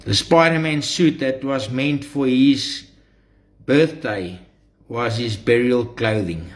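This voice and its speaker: Slow-talking South African man addressing followers. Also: medium pitch. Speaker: social media streamer. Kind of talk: live monologue addressed to followers.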